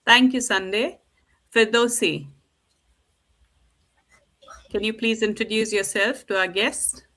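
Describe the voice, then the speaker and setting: A woman from India hosts a live-streamed online panel, upbeat and eager as she introduces her guests over a video call and keeps calling things lovely. Her voice is a little high, steady, slow, and fairly bright.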